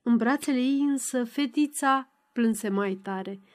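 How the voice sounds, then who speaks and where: A woman narrating a novel as an audiobook in a measured, even reading. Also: on the high side.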